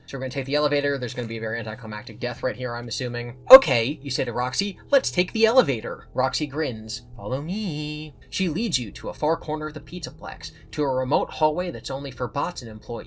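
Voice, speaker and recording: A man's voice: medium pitch, racing, few pauses. A man from the US East Coast reads an interactive horror story aloud in a mid-range voice. Between passages he drops playful, joking asides. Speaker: YouTube storyteller.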